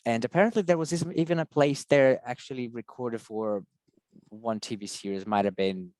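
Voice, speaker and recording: A man hosts an informal video call. His voice is mid-pitched, with almost no room sound. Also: normal speed, a little mellow, no echo. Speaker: meeting host. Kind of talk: informal online presentation.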